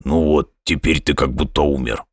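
A very deep, grumbling bear cub from a children's story, voiced by a male narrator. He sounds gruff but caring, recorded close and dry. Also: fairly even intonation, moderate pace, no echo. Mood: tender. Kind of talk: audiobook character voice.

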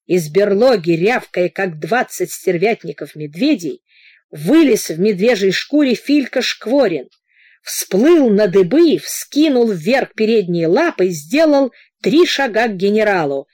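Woman narrator for an audiobook: expressive delivery, dry close mic. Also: medium pitch, unhurried, no room sound. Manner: expressive reading with character voices. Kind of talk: audiobook narration, reading a novel.

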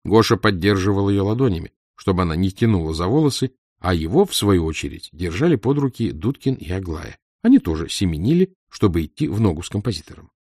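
A man's voice: on the low side, a little mellow, husky, dry recording, clean studio sound. A man narrating a children's story for an audiobook, reading it expressively.

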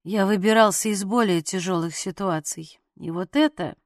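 A woman's voice: mid-range voice, moderate pace, no echo, close to an everyday voice. A woman reading an audiobook voices a wounded, stubborn young man who mutters through the pain and mocks dryly. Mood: gruff. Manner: strained, muttered, dry mocking.

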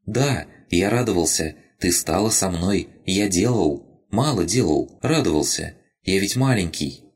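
A man's voice: sits low, expressive, unhurried, husky, pitched above the performer's own voice, full character voice. A man voicing a tiny, frightened male creature that lives in a crystal, talking in broken, childlike short phrases. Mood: earnest.

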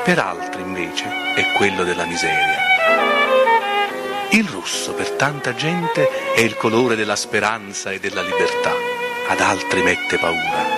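A man reading a fable aloud as narrator, in an expressive storytelling manner. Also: medium pitch. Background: violin music.

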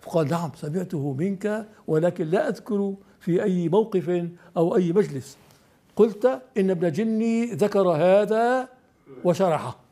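A man's voice: high-pitched, moderate pace, warm tone. An older man teaching classical Arabic poetry, explaining step by step and questioning his student.

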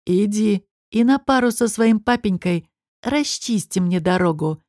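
A woman's voice: medium pitch, expressive, measured pace, a little mellow, no echo, clean studio sound, close to an everyday voice. A woman voicing an irritable male court official who growls and mocks. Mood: sarcastic. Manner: growling, sarcastic.

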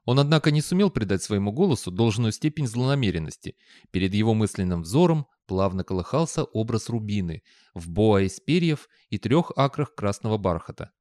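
A man narrating an audiobook in a measured, expressive reading on a close studio mic. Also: fairly low pitch, no room sound. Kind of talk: scripted narration.

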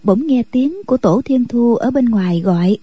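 A woman narrates a radio story in a steady, measured voice that is very dark, mellow and husky, pitched somewhat higher than most women. The recording is dry and close.

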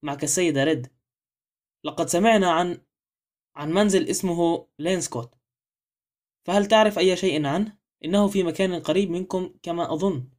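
A man's voice: high-pitched, a little fast, long pauses, a little mellow, close to an everyday voice. A man voicing a confident young wife who reasons things out, in a read-aloud novel. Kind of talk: audiobook character reading.

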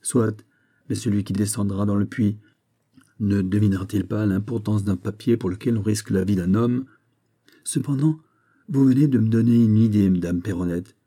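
A man reading aloud, voicing an anxious old gentleman tutor in agitated, raised tones. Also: on the low side, normal speed, close to an everyday voice. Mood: fretful.

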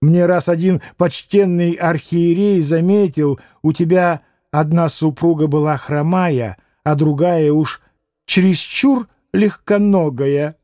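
A man's voice: fairly high pitch, slow pace, warm tone, no echo, studio quality. A man voicing a fawning old landowner. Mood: meek. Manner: ingratiating, adds deferential "-s" to words. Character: fawning old petty landowner, chatty fibber.

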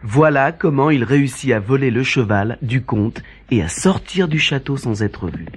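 A man's voice: medium pitch, lively intonation, normal speed, breathy edge. A man narrating a scripted storybook tale in French as the narrator.

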